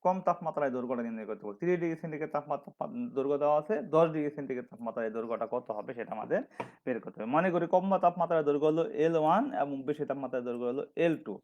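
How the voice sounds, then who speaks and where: A man's voice: a little high, very fast, darkish tone. A man from Bangladesh teaching a physics lecture, working through formulas step by step and correcting himself as he goes. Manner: methodical, dictating formulas step by step, restarts and self-corrections. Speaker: physics instructor. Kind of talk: recorded classroom lecture. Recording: slightly dull lo-fi audio.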